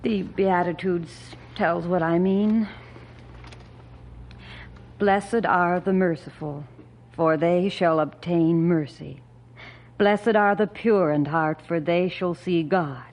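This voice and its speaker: A firm old widow on old-time radio. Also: female voice, on the low side, takes it slowly. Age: older. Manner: calm, earnest, reads scripture solemnly. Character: pious older widow, gentle and firm. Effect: old radio show broadcast. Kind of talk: 1950s radio drama acting.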